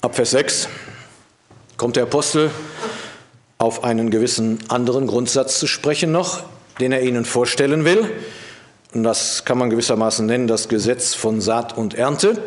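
A man giving a calm, verse-by-verse Bible exposition, with phrases that fall low at their ends. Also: a little hiss or hum. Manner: steady teaching tone, drops low at the end of sentences. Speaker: Bible teacher.

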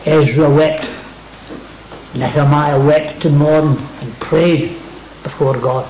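A man's voice: a little high, steady tone, slow, darkish tone, echoey room, dull audio, a little hiss or hum. A man preaching a sermon, dwelling on key words and repeating them for emphasis.

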